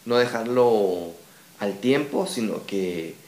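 A Guatemalan man with a Guatemalan Spanish accent, a podcast guest who tells stories in an animated way and acts out the emails and phone calls. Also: fairly low pitch, takes it slowly, reverberant. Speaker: guest, dubbing studio founder. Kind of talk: casual podcast conversation.

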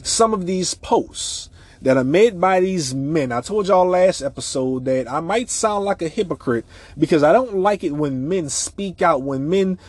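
A man with a raspy voice hosting an opinionated podcast monologue, talking emphatically and repeating his points for effect. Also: a little high, darkish tone, no room sound. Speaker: podcast host.

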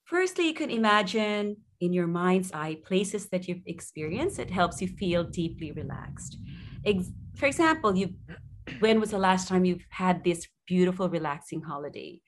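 A woman's voice: fairly low pitch, lively intonation, normal speed, slight background noise. A woman speaking as a sleep consultant in an interview, explaining conversationally and encouragingly, often repeating phrases for emphasis.

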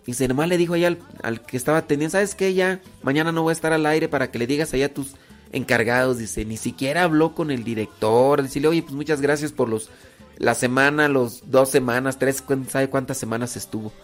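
A man's voice: medium pitch, brisk, soft background music. A man from Mexico with a rural ranchero Mexican accent, hosting a radio show in a casual, rambling way, full of fillers and restarts. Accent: Mexican, rural ranchero speech. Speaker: radio host. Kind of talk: casual radio talk to listeners.

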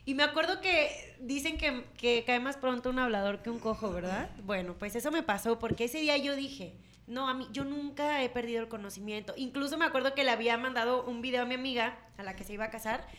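High bright Mexican woman telling a story. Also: brisk. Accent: Mexican Spanish. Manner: laughing, lively anecdote telling. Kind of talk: casual storytelling.

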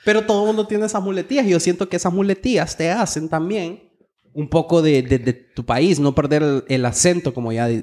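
A man's voice: fairly high pitch, brisk, darkish tone. Slangy Honduran man, casual podcast chat. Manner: slangy, swears freely, storytelling. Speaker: podcast co-host.

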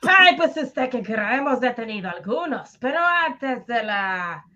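Woman playing a blustering colonel, forceful and bright. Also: on the high side, sing-song, a little slow, muffled recording, exaggerated voice. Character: blustering, self-important male police colonel in a radio serial. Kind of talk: radio drama acting.

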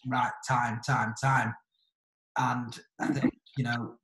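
A man talking casually on a podcast in a thoughtful, halting way, rephrasing as he goes, in an echoey room. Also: medium pitch, fairly bright tone.

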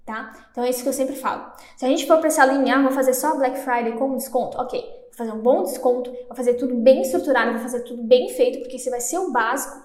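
This solo podcast features a young Brazilian host whose voice is high-pitched yet a little mellow; she rattles along quickly, trips on words, and pokes fun at herself with laughter. Echo is clearly audible in the space around her.

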